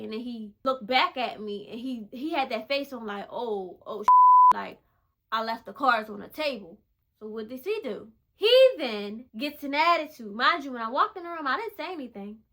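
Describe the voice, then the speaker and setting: Candid female vlogger, bright and a touch high, emphatic storyteller. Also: slight background noise. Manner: emphatic, repeats phrases for effect; candid, conversational. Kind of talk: personal storytelling testimony.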